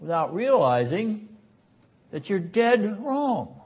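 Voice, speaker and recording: A man preaching a Bible lecture in an emphatic, deliberate way with sarcastic asides. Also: high-pitched, big pitch swings, a little mellow, slightly rough. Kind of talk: sermon-style Bible lecture. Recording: dull lo-fi recording.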